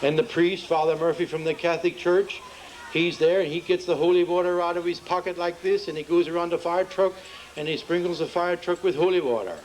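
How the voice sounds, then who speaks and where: A Pennsylvania Dutch–accented man from Pennsylvania tells homespun jokes to an outdoor town festival crowd, addressing them playfully. His voice is fairly high yet darkish and steady, and he speaks fairly fast. Slight background noise and low audio quality mark the recording.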